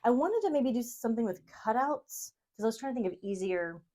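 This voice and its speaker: Hosting a crafting video, this woman sews while chatting casually, rambling in a giggly, self-deprecating way as she brainstorms. Her voice is on the high side, warm and animated, and her pace is brisk.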